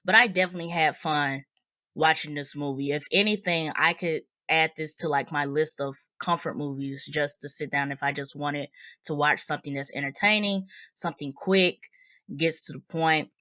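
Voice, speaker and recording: A woman with a low voice hosts a casual review podcast. She speaks in a slangy, conversational style. The sound is close and dry, with little room around her. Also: moderate pace, pushed and bright, dry recording. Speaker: podcast host.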